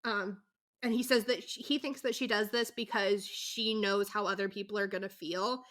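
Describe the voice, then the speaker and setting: A woman co-hosting a podcast, recapping a show in a chatty, animated way, full of asides and fillers. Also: mid-range voice, normal speed. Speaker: podcast co-host. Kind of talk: casual chat recapping a reality show.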